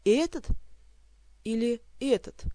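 A reader voicing a brawny, angry male warrior who scolds and mocks in a gruff manner. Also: medium pitch, measured pace, a little mellow, no echo, clean studio sound, natural voice. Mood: angry scolding.

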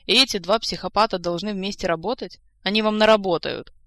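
A woman's voice: mid-range voice, fairly even intonation, brisk, pushed and bright, no room sound, clean studio sound, lightly acted. A woman reading aloud, voicing a weary male commander who grumbles and complains. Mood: grumbling. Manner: grumbling, plaintive.

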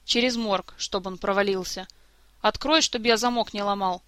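A woman reading as a gruff, mocking male jester-thief who grumbles at everyone. The tone is bright and sharp, and the recording is close and dry with no room sound. This is a storybook reading. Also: sits high, fairly even intonation, normal speed, no room sound. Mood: sarcastic.

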